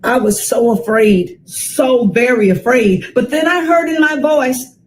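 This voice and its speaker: Reading a children's story aloud, a woman in her sixties from the US leans into dramatic, deliberate phrasing and repeats things for emphasis. Her voice is fairly high, and the rough recording carries slight background noise.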